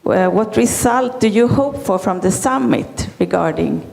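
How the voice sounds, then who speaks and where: A woman asking a formal, measured question at a round table. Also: medium pitch, animated, vocal fry, darkish tone. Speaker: audience questioner. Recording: long reverb of a large hall.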